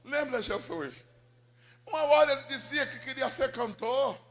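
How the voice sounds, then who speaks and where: A man's voice: very high-pitched, lively intonation, measured pace, fairly bright tone, voice pushed up, exaggerated voice. A man voicing a frail elderly mother who prays desperately for her lost son, her pleading rising to cries. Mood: pleading prayer.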